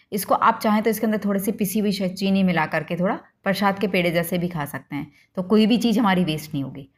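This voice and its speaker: Lady showing how to cook at home, kinda low voice, explains every step to you. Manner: homely, instructive, addresses viewers directly. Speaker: cooking channel host. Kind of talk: home cooking demonstration.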